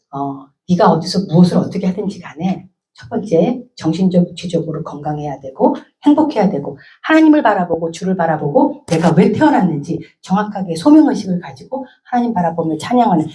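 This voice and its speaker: A woman from Korea giving a lively church talk, acting out parent and child voices as she speaks. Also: fairly low pitch. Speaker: guest speaker at a church service. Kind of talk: sermon-style talk.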